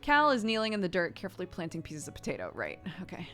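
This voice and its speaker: A woman streamer reading a story game aloud, with expressive narration and casual, conversational asides. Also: fairly low pitch, quick pace. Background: music.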